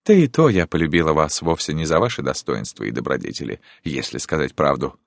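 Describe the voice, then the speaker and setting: A man's voice: a bass voice, lively intonation, brisk, creaky, no room sound, clean studio sound, exaggerated voice. A man voicing a passionate noble countess in an audiobook reading, speaking in a dramatic, impassioned, imploring way. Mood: teasing.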